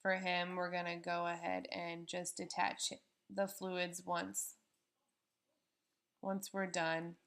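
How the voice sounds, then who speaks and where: A woman's voice: lowish voice, flat delivery, slow pace, a bit bright. A woman on veterinary staff gives live explanatory commentary on a procedure, speaking informally and patiently, step by step.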